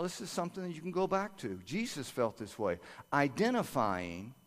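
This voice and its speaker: An older man preaching a sermon and praying aloud, earnest, moving from quiet prayer to lively storytelling. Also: on the high side. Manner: earnest, prays aloud softly then preaches with rising energy. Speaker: pastor. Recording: long reverb of a large hall.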